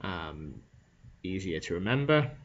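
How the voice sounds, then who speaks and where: A low-pitched man teaching a class, taking it slowly and breaking each idea down into steps. He keeps checking that his students follow with a quick "okay?". The recording is dull and lo-fi. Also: very animated. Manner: explanatory, checks in with frequent "okay?". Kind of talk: classroom lecture on Shakespeare.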